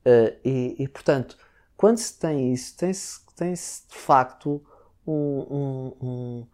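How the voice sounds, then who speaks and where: A man's voice: medium pitch, takes it slowly, mellow, smooth. A man from Portugal speaking European Portuguese, a guest in a casual conversation, who hesitates and restarts often. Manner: hesitant, with many restarts and filler words.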